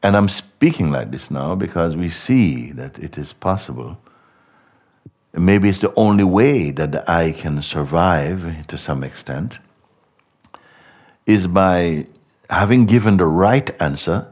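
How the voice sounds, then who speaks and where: A man giving a contemplative spiritual talk as a teacher, speaking slowly and reflectively, posing many rhetorical questions and often trailing off softly. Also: deep voice, expressive.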